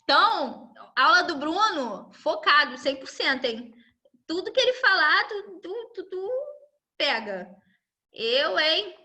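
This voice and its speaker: A woman's voice: high voice, very animated, measured pace, bright, forceful tone. A woman teacher, giving a chatty live class and checking in with tag questions.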